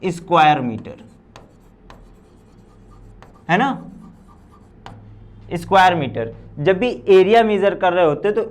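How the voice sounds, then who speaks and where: High-voiced male physics teacher. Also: animated, takes it slowly, long pauses. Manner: repetitive, asks and answers his own questions; addresses students as children. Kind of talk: recorded class lecture.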